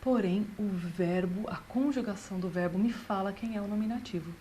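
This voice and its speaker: A woman, a language teacher patiently explaining grammar and slowing down to read out example sentences. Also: medium pitch, warm tone, a little hiss or hum. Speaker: German teacher.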